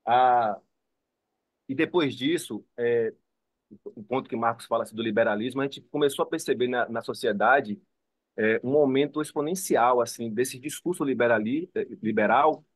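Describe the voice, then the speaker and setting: An online seminar participant and psychoanalysis student from Salvador, Bahia, Brazil rambles informally in a medium-pitched voice at normal speed. His Bahian Brazilian Portuguese accent comes through clearly in a recording with no room sound.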